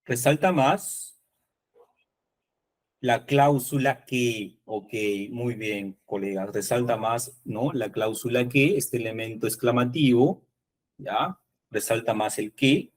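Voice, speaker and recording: A man's voice: medium pitch, slow pace. A man teaching an online workshop for teachers, explaining patiently and often checking that the class agrees. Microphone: video call.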